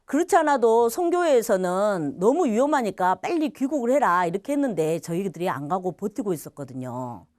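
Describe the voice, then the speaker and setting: Middle-aged woman, church testimony, very expressive, laughing storyteller, dry recording. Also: medium pitch, a little fast, hardly any pauses, no room sound. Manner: animated storytelling with laughs, acting out quotes. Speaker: testimony speaker.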